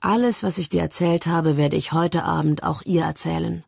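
A woman reading the part of a passionate, defiant young man who argues heatedly in a declamatory way, in a husky voice. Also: low-pitched, fairly even intonation, moderate pace, a little mellow, no room sound, studio quality, exaggerated voice. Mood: earnest.

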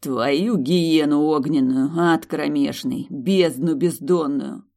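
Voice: mid-range voice, fairly even intonation, normal speed, darkish tone, lightly acted. Stern vampire man, commanding and short-tempered, read by the audiobook narrator. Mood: strained command. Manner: commanding, curses under pressure.

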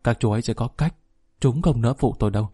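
A man's voice: mid-range voice, fast talker, warm tone, slightly rough, dry recording, studio quality, soft background music, close to an everyday voice. A man reading as a weary old father. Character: worried elderly father, gentle and resigned.

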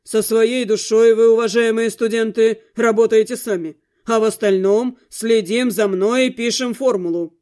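A woman voicing a strict, dark-haired male fire-magic lecturer in an audiobook, speaking in a demanding, lecturing way. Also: fairly high pitch, fairly even intonation, moderate pace, pitched below the performer's own voice, close to an everyday voice. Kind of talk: audiobook character voice.

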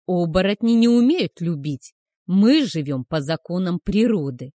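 A woman's voice: fairly low pitch, lively intonation, slow, no echo, studio quality. A woman growling as a cruel werewolf man. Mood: menacing. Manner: loud growling menace. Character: cruel arrogant werewolf man, predatory hunter.

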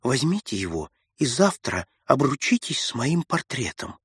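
Man voicing a hushed plaintive ghost lady. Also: big pitch swings, moderate pace, breathy edge, no echo, studio quality, full character voice. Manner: low hushed plaintive delivery. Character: ghostly lady in old-fashioned dress, plaintive, mocking. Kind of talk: audiobook character voice.

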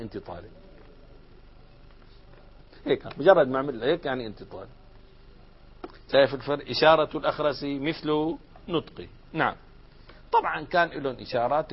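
Sheikh teaching grammar, lo-fi. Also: male voice, mid-range voice, breathy edge. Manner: asks the class questions and answers them, mixing formal Arabic with colloquial. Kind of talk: classroom grammar lesson. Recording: dull lo-fi lecture recording.

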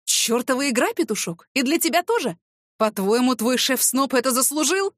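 A woman's voice: high voice, lively intonation, moderate pace, no room sound, clean studio sound, pitched above the performer's own voice. A woman voicing an angry, domineering male boss who barks accusations and sneers sarcastically.

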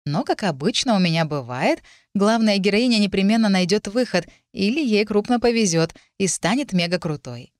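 A woman reading her own book aloud, telling the story in a steady, measured way. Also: medium pitch, no echo, studio quality. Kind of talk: audiobook narration.

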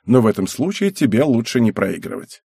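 A man voicing a calm, polite schoolgirl in an audiobook. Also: mid-range voice, fairly quick, vocal fry, husky, dry recording, clean studio sound, heavily acted. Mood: cool.

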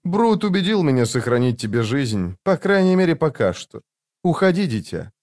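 A proud, ancient warrior lord gives short, commanding words, as a male narrator voices him. His voice sits a little higher than the narration around it. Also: sing-song, normal speed, a little mellow. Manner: curt, commanding. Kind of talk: audiobook character voice.

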